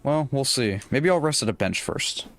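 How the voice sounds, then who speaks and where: A young man giving relaxed, casual commentary while playing a video game, talking to himself and his viewers. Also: mid-range voice, normal speed. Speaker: gameplay streamer. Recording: faint game music behind. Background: faint game music.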